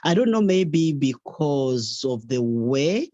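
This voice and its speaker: A guest shares views in a casual discussion, thinking aloud and restarting sentences. The voice sits at a middle pitch. The audio is dry, close and lo-fi. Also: very animated, takes it slowly, dark tone, no echo. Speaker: guest caller.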